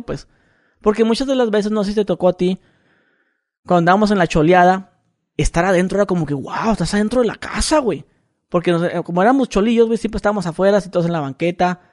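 A man's voice: high-pitched, a little mellow. A man in his thirties with a Mexican accent, telling a rambling story on a casual podcast and repeating his words. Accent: Mexican Spanish. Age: 30s. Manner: rambling, repeats words, acts out quoted voices. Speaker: podcast co-host.

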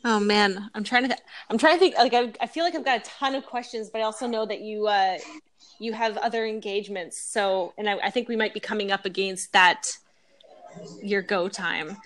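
A woman from Canada co-hosting a podcast in casual chat, bubbly and self-mocking with quick asides. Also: medium pitch, steady tone, fairly bright tone. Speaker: podcast co-host.

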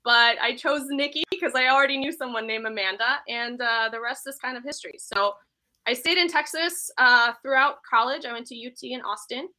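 Bright, chatty woman guest from Iceland. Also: on the high side, brisk, rough recording. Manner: chatty, self-deprecating, laughs easily. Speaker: podcast guest. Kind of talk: casual interview chat.

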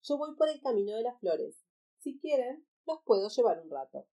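A woman voicing a calm, helpful female tortoise who speaks in a steady, deliberate way in a read-aloud storybook. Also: on the high side, far from the mic. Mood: obliging.

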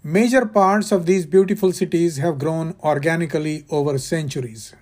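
A man hosting a travel podcast, reading scripted narration in a measured, deliberate way. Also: a little high, darkish tone. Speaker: podcast host.

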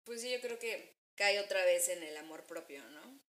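A young woman with a Mexican accent chatting casually, telling stories and acting out quotes with sudden jumps in pitch. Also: normal speed, roomy sound. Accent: Mexican Spanish. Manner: animated storytelling, acts out quotes with jumps in pitch. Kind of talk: casual chat.

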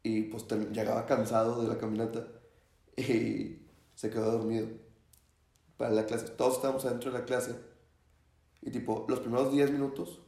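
A man's voice: mid-range voice, moderate pace, long pauses, reverberant. Young guy telling a story. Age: young adult. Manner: animated storyteller, acts out shouts and quotes. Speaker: student. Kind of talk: casual storytelling chat.

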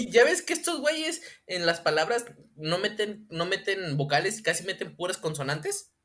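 Mexican man, lively swooping delivery, bright forceful tone, crude jokey chat. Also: sits high, normal speed. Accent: Mexican Spanish. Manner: animated, profane, laughing often. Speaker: podcast co-host. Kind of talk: casual comedic chat.

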